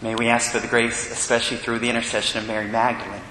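A man, a priest, reading the Gospel and giving a homily in a measured, earnest way with pauses, heard with a cathedral echo. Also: flat delivery, bright, forceful tone. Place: large church. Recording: echoey church hall with faint rumble.

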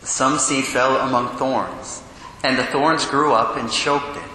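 A man, a priest, reads the gospel and preaches a sermon in a large church, in a measured, solemn way, and his voice rings with cathedral echo. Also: mid-range voice, fairly even intonation, sharp tone. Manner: measured, solemn reading that turns earnest and quick in the homily. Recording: cathedral echo with long reverb, faint hum.

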